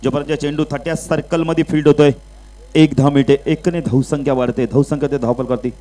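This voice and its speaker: A man commentates a local cricket match over a public address microphone at an outdoor ground. His voice sits fairly high for a man and climbs louder and higher on every run and wicket, then settles into calmer talk between balls. He drops English cricket terms into his commentary. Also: brisk, poor audio. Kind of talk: live play-by-play commentary.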